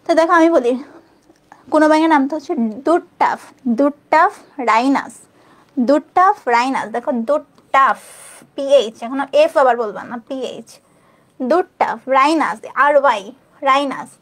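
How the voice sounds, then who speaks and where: High-voiced woman drilling spellings. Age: young adult. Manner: spells out names slowly and repeats them, often checking with "okay?". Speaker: teacher. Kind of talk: online exam-prep lesson.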